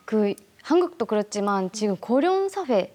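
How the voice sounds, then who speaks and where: A woman from Japan sharing personal experience on a studio panel, gentle and earnest. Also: mid-range voice, very animated, moderate pace, over music. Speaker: student panelist. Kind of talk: personal conversation. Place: TV studio classroom.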